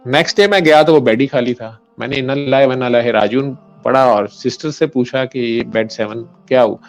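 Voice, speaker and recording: A man's voice: medium pitch, soft background music. A man, a doctor, telling a hospital story in an interview, acting out quoted dialogue and mixing in English medical terms.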